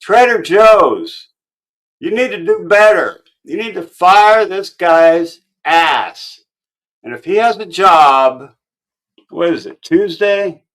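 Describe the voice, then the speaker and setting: Blunt, mocking male live stream commentator, slightly high voice, loose and rambling. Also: animated, takes it slowly, fairly bright tone.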